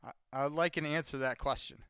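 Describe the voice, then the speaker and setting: A man talks casually to an online audience between phone calls, his voice smooth and resonant. The sound is dry and close, with no room around it. He rambles loosely, restarting phrases and answering viewers as he goes. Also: on the high side, fairly even intonation, quick pace, a bit bright, dry recording. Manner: chatty, talks straight to viewers and answers chat; loose, full of fillers and restarts. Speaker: sales caller making live calls. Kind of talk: live-streamed commentary while cold calling.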